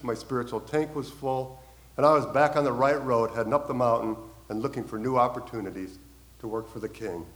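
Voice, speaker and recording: A man in the middle of a sermon, speaking at an ordinary pitch. He tells his stories earnestly, lifting his voice and then letting it fall to a quiet close on the key lines. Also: poor audio. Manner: earnest storytelling, swells then drops softly on key lines. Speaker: preacher.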